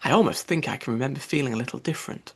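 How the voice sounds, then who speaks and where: A man voices an anxious, chattering young girl from a storybook, fretfully musing to herself in a puzzled way. His medium-pitched voice races along with a fairly bright, husky tone.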